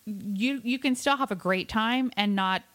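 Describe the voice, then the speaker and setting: A woman's voice: medium pitch, a little slow, a bit bright, no room sound. A woman co-hosting a radio show, discussing things casually.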